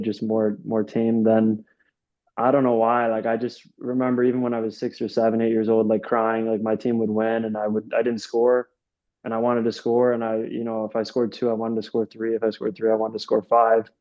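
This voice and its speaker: Here a young soccer coach from Rochester, upstate New York, has a warm, mid-range voice. He answers an interviewer in a casual, meandering style, restarting often and leaning on fillers, and the sound quality is lo-fi.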